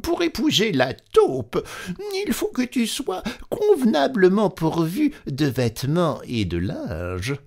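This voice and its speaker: A man voicing a bossy old female field mouse in a storybook, with a squeaky falsetto and a nagging, scolding manner. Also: huge pitch swings, takes it slowly, creaky, darkish tone, exaggerated voice.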